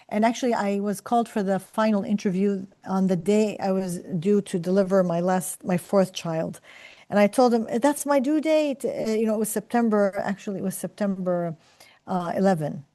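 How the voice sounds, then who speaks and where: Middle-aged woman professor, mellow tone, reflective and earnest, lots of fillers and restarts. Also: mid-range voice. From Palestine. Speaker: professor and scientist. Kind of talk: career talk to students.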